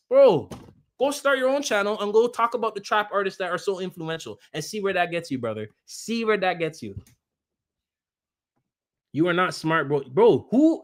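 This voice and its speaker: Male streamer, high voice, heated combative rant aimed at chat. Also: a bit bright. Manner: combative, repetitive, talks straight at chat. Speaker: live streamer.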